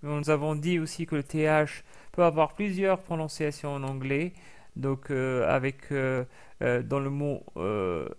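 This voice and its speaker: A man teaching a lesson in French, explaining slowly with many fillers and restarts and carefully sounding out each letter. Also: mid-range voice, smooth. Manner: carefully over-articulates sounds being taught. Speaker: Arabic teacher. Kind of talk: recorded language lesson.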